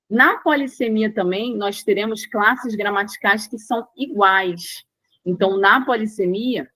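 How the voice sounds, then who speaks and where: A Brazilian woman teaches a language lesson at a mid pitch, going over each point twice and checking that the class is following. Her voice sits close and dry, with no room around it. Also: fairly bright tone, no echo, low-quality recording. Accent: Brazilian Portuguese. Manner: explanatory, repeats key points, checks in with "tá?". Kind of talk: online lesson.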